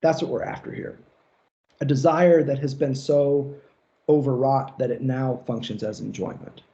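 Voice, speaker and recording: A man's voice: mid-range voice, fairly even intonation, moderate pace, dark tone, highs cut off. A man giving a recorded lecture on psychoanalysis in a casual, conversational way, with loose asides and the odd swear word. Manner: casual, conversational, profane, fillers like "like".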